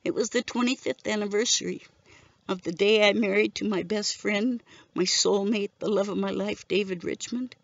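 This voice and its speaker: A woman's voice: mid-range voice, fairly even intonation, moderate pace, creaky, no echo, highs cut off. A middle-aged woman telling the story of her husband's death in an emotional, tearful way. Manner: emotional, tearful, present-tense retelling. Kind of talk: personal spoken testimony.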